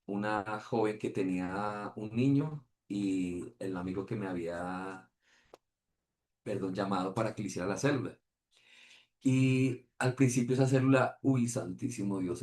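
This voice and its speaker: Animated Colombian preacher telling a story. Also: male voice, on the low side. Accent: Colombian Spanish. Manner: animated storytelling, acts out quoted voices. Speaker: pastor. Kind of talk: sermon testimony.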